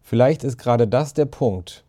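Brief: gentle, thoughtful girl in a storybook, soft delivery, read by a man. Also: mid-range voice, moderate pace, close to an everyday voice.

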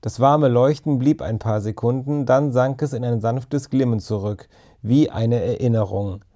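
A male narrator reading a children's audiobook in a calm, even way. His voice sits at a medium pitch with a warm, mellow tone. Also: a little slow.

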